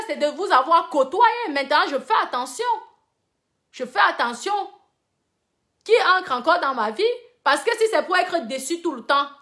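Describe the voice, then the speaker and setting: Brief: middle-aged woman, high voice, emphatic online commentator who lectures and repeats herself for stress. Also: fairly bright tone. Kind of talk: casual commentary to viewers.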